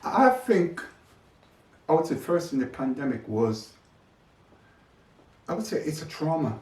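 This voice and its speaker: An older man with a slightly high, sing-song, somewhat mellow voice speaks at a measured pace in an interview, reflecting on his experiences in his own words. The recording is echoey, with a distant mic and faint noise.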